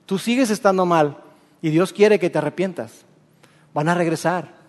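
A man voicing a stern old male prophet who pleads in a low, earnest way. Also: moderate pace, lightly acted. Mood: earnest pleading. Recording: long hall reverb.

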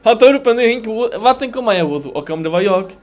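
A man giving a conversational sermon to a gathering, animated, swinging between loud emphasis and quiet asides. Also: high-pitched. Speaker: religious lecturer.

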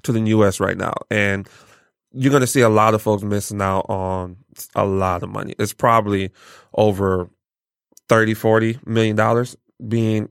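A man's voice: lowish voice, gravelly, clear, resonant tone, no room sound, clean studio sound. A man in his forties, born in Nigeria and raised in Michigan, talking casually as an interview guest with plenty of fillers. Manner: relaxed, many fillers, enthusiastic.

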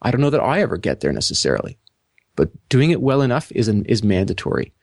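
A man co-hosting a podcast, talking through a book in halting, self-correcting speech and reading passages aloud. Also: fairly low pitch, very animated, creaky, no echo, clean studio sound. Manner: halting, repeats words, reads passages aloud. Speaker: podcast co-host. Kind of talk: casual book discussion.

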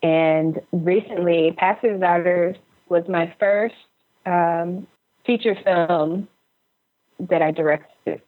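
A young woman from Houston, Texas, an actor and director, speaks conversationally as an interview guest over a lo-fi connection. Her voice is fairly low and slow.

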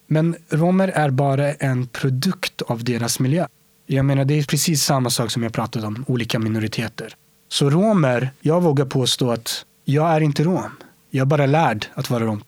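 A man being interviewed, talking earnestly and reflectively, often sinking to a soft whisper to stress a point. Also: mid-range voice, dry recording. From Sweden. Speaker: interview guest.

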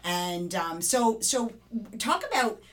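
A middle-aged woman hosting a podcast, telling an anecdote in a lively way and acting out the quotes. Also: mid-range voice, takes it slowly. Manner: animated storyteller, acts out quotes. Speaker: podcast host. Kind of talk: casual podcast discussion.

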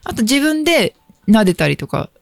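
A woman's voice: a little high, very animated, normal speed, vocal fry, no echo, studio quality. A woman co-hosting a casual advice podcast, talking in an agreeable, encouraging way. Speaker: podcast co-host who gives advice.

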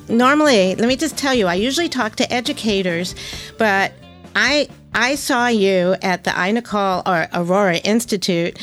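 A woman's voice: medium pitch, a bit bright. A woman hosting a podcast interview, chatty and enthusiastic, often laughing as she talks. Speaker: podcast host. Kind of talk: casual interview.

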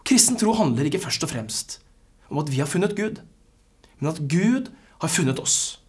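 A preacher delivering a sermon with a husky voice, swinging dynamics and phrases that fall to near-whispers. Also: medium pitch, big pitch swings, darkish tone.

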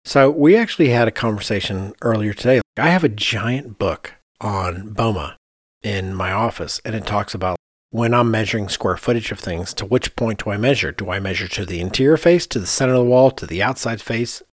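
The speaker is an architect co-hosting a podcast, and he explains matters in a relaxed, conversational way, often thinking out loud. His lowish voice moves briskly, captured in a dry, clean studio recording.

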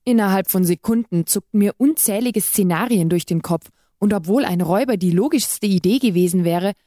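A woman reading a short story aloud in scripted narration, with a measured, even delivery. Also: on the low side, no echo, clean studio sound. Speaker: reader.

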